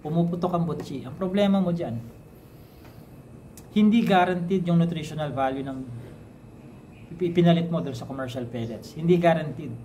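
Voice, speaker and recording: A man from the Philippines who runs a poultry farm, answering a viewer's question in a casual, chatty way, often tagging on quick questions and correcting himself. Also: fairly high pitch, dark tone, a little hiss or hum, poor audio. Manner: chatty, with frequent tag questions and self-corrections. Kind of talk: casual explanatory talk in mixed Tagalog and English.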